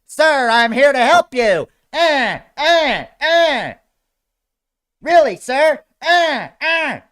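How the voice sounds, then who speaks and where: A hacked helper robot glitching out, put on by a man, stuttering and shouting its broken lines in a strained voice pushed far above his usual pitch. The delivery swoops wildly between stammers and blaring alarms, and it sounds thrown from a step back from the mic. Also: sing-song, extremely slow, exaggerated voice. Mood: glitching panic. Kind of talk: comic bit in a solo talk show.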